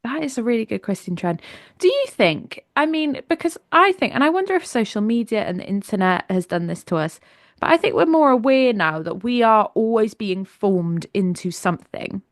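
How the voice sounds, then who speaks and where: A woman's voice: on the high side, animated, moderate pace, no echo, clean studio sound. A woman co-hosting a podcast, chatting in an upbeat, enthusiastic way and often trailing off. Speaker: podcast co-host. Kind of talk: casual chat.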